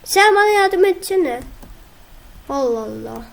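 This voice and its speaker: A young woman, casually commenting on her own gameplay, excitable and whiny when frustrated. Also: extremely high pitch, measured pace, creaky. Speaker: gaming video host.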